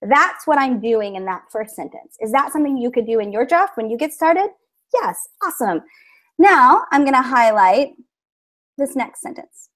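Her voice is high and fairly bright, with lively intonation at a normal pace. She's a teacher sharing her screen at a conference call for other educators, describing her methods warmly with many fillers.

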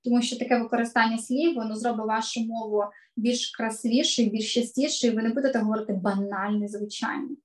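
Middle-aged woman voice coach, high pitch, online class, emphatic and clear. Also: steady tone, quick pace, hardly any pauses. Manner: clear, emphatic teacher delivery, stresses key words. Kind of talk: online lesson to children.

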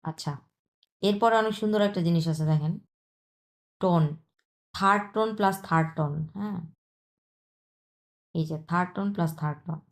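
A woman with a Bangladeshi accent teaching a language lesson, patiently repeating points and drawing out example sounds slowly. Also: on the low side. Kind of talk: explanatory lesson.

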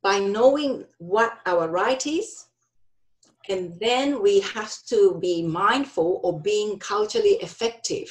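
A middle-aged Japanese woman with a Japanese accent presents an online workshop with slides over a video call, speaking slowly in a mid-range voice. She phrases things carefully but often says "um" and restarts, and the recording quality is rough.

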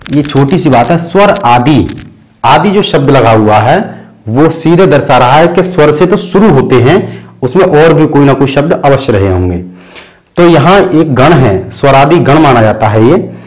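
A man at a middle pitch teaches a grammar lesson patiently. He stops often to check that the class is following. He slows down and softens his voice to recite each rule. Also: lively intonation, low-quality recording. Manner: patient, breaks terms into parts, many fillers and "thik hai"; chants sutras slowly and softly. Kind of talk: explanatory lesson.

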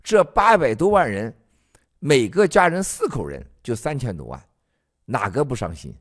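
A man's voice: mid-range voice, very animated, normal speed. A man hosting a political livestream, ranting and mocking with emphatic delivery. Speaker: livestream host.

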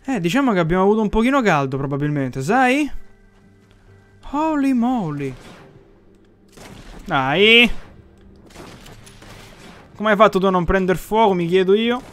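A young man with a high voice, chattering through a gameplay session at his desk mic. He swears freely, taunts the characters on screen and jumps to shouting when things go wrong. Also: lively intonation, moderate pace, long pauses, soft background music. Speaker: gaming channel host. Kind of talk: casual gameplay commentary.

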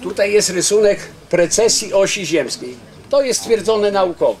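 Older male lecturer, high-pitched, earnest and digressive, handheld mic outdoors. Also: expressive, moderate pace, darkish tone. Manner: earnest, digressive explaining with frequent restarts. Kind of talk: informal public lecture. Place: outdoors under a garden tent. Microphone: handheld microphone.

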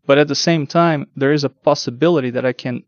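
A native Portuguese speaker, interviewed as a translation test lead, explains technical work quickly, with frequent ums and repeated words. His voice is medium-pitched, with no echo and the highs cut off.

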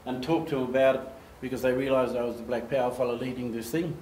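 An older man presents a storytelling talk with slides from a lectern, speaking fast at an average pitch and animatedly acting out quoted voices with gestures. Recorded by a distant camera in an echoey meeting room, the audio carries faint ambience and a little hiss or hum.

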